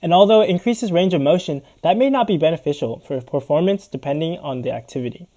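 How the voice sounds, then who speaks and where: A man's voice: on the high side, quick pace, dark tone. A man giving a scripted, informational narration in a formal manner. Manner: formal, reading study findings. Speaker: explainer narrator.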